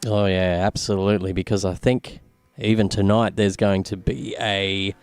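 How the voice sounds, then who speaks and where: A man's voice: low voice, flat delivery, normal speed, clean tone, dry recording, soft background music. A man hosting live race commentary in a conversational, colloquial manner. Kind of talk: live sim racing commentary.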